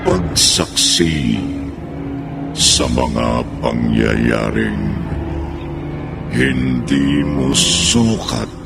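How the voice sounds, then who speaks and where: A man with a Filipino accent narrating a horror radio drama in an ominous, theatrical, gravelly style, very slowly. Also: a bass voice, sing-song. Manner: slow, theatrical. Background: music.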